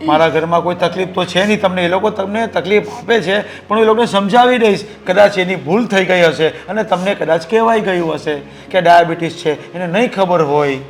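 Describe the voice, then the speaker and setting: A man's voice: high-pitched, brisk, hardly any pauses, natural voice. An actor playing a grown son who earnestly reassures his elderly mother. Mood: reassuring.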